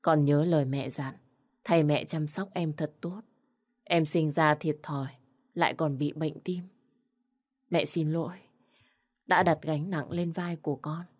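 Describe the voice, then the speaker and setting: A woman voicing a gentle, sorrowful young mother in a spoken story, talking softly and tearfully. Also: low voice, steady tone, a little slow, pauses often.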